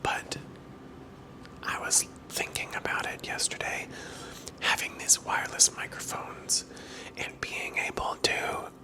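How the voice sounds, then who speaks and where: An ASMR creator whispers very close to a wireless microphone in a casual, rambling and candid vlog chat, breathy and occasionally soft-spoken. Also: slow, long pauses, low-quality recording. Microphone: clip-on wireless microphone, held close.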